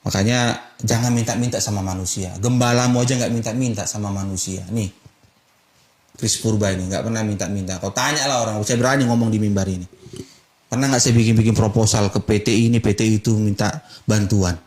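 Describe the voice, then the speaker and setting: A man's voice: fairly low pitch, fairly even intonation, a little fast, a little mellow. A male pastor preaching a sermon from the pulpit, blunt and emphatic, full of rhetorical questions. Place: church sanctuary. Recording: roomy church echo.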